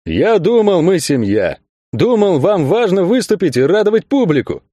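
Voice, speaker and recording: A man's voice: a little high, sing-song, normal speed, darkish tone, no room sound, clean studio sound. A man voicing a greedy, scheming circus owner who blusters indignantly.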